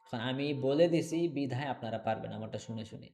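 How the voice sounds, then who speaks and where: A man teaching English online, repeating words slowly and checking in often with his class. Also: mid-range voice, gravelly, mellow. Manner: slow, repetitive drilling of words, checks in with "okay?".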